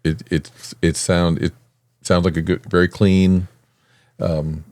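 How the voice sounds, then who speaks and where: A man co-hosting a casual chat podcast, easygoing and quick to laugh at himself. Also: sits low, little pitch movement, darkish tone, dry recording. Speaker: podcast co-host.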